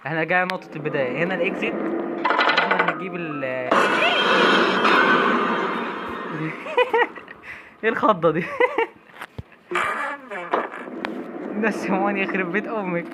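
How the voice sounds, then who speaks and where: A man's voice: high voice, quick pace, pauses often, very noisy. A young Egyptian man commenting on a horror game as he plays, jumpy and talking to himself, cursing when startled. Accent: Egyptian Arabic. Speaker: gamer streamer.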